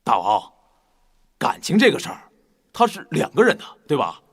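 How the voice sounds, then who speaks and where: A glib, preachy adviser lectures with a high voice that rises and dips in lively curves. He sounds cocky, pleased with his own wisdom. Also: moderate pace, creaky, husky, exaggerated voice. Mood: lecturing. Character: glib male adviser, fancies himself a love expert.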